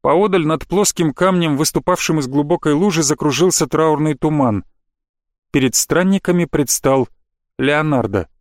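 A man's voice: on the high side, moderate pace, no echo, clean studio sound. Man narrating a fantasy audiobook.

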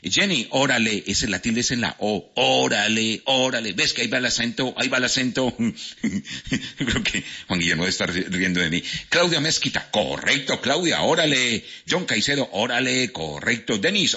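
A man's voice: lowish voice, pushed and bright, slightly rough. A man with a Cali Colombian accent hosting a radio quiz in a playful, casual way, reading out listener answers and poking fun at himself. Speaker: radio host. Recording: dull lo-fi radio sound with faint music.

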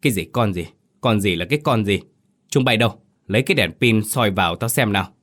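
A man's voice: fairly low pitch, animated, a little fast, a bit bright. A man voicing a bossy, hot-tempered older male relative who barks orders and scolds in a spoken horror story. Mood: angry scolding. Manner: barking, scolding.

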